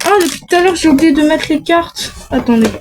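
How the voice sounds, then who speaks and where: A woman's voice: sits high, brisk, music in the background, poor audio. A young woman chatting casually to viewers while unboxing mystery boxes, talking to herself and restarting her sentences often. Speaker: unboxing vlogger.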